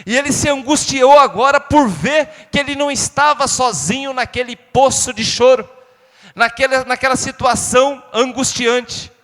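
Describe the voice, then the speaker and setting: A male pastor from Brazil with a São Paulo accent, preaching to his congregation, rising to loud calls and dropping to hushed lines. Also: very high voice, moderate pace, in a large hall. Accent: Brazilian Portuguese, São Paulo state. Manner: addresses the congregation directly and asks them to repeat. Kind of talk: sermon. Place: church sanctuary.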